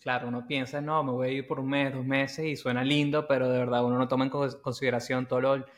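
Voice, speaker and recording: Even-toned man, halting casual talk. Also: mid-range voice. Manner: halting, repeats words as he goes. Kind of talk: casual chat.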